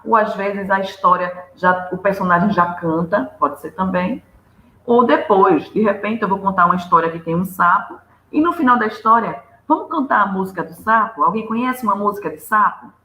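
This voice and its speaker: A woman's voice: mid-range voice, fairly bright tone. Woman lecturing in an echoey room. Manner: didactic, listing tips with examples. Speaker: lecturer on storytelling.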